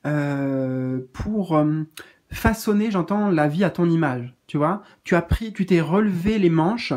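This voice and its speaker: A man giving a gentle, reassuring spiritual card reading in a casual spoken style, pausing often with fillers. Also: a little high.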